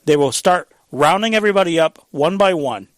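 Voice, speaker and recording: Man, radio talk host, higher-pitched voice, dry close mic, chatty with ums and restarts. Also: expressive, a little fast, no echo. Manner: conversational, chuckling, frequent fillers and restarts. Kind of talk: casual political commentary.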